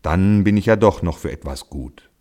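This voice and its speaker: A man's voice: deep voice, expressive, normal speed, mellow. Alfons, a man voicing a weary old ox. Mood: grumbling. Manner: grumbling, resigned. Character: old weary male ox, once strong.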